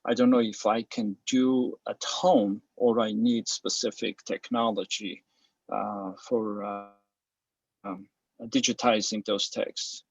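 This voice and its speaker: A man's voice: lowish voice, little pitch movement, slow pace, dry recording, lo-fi sound. A man from Armenia asking questions in an online Q&A, hesitant and searching for words, speaking over a video call.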